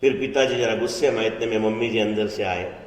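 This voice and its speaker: Monk storytelling in a hall. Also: male voice, fairly low pitch. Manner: unhurried, storytelling, drawn-out emphasis. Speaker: Jain monk giving a discourse. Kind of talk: storytelling sermon. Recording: echoey hall, distant mic, faint noise.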